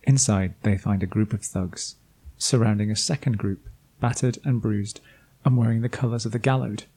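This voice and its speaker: A man's voice: lowish voice, normal speed, warm tone, husky. A man reading a scripted recap of a tabletop campaign as game master, with dry, self-deprecating asides. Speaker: game master and podcast host.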